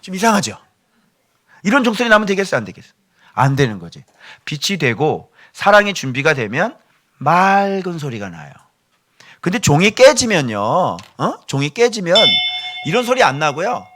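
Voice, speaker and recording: A male pastor delivers a sermon with a bright, forceful tone and a lively, swooping pitch. His voice sits slightly higher than most men's. He keeps the congregation engaged with animated, joking asides. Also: normal speed.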